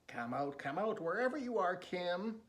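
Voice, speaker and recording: A man's voice: high voice, big pitch swings, moderate pace, a bit bright, voice pushed up. Casting: male reader playing a menacing, taunting man hunting his prey in a fireside storytelling of a thriller. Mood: taunting menace. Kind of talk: fireside storytelling, acted dialogue.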